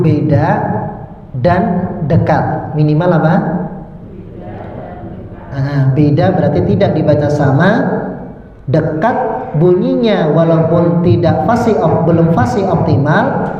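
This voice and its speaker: Slow Javanese-accented man lecturing in a hall. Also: fairly high pitch, animated. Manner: slow, deliberate, repeats key points and demonstrates sounds. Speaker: Islamic parenting teacher. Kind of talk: lecture to a class of parents. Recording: dull echoey hall with faint noise.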